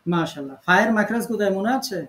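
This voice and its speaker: A man teaching Quran recitation in an online class, patiently correcting students and repeating words slowly to model them. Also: high-pitched, lively intonation, a bit bright, reverberant.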